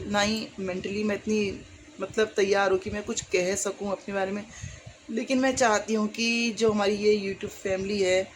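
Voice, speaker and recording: A woman's voice: medium pitch, slight background noise. A middle-aged woman vlogger speaking earnestly and casually to her viewers, rambling with many fillers. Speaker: YouTuber.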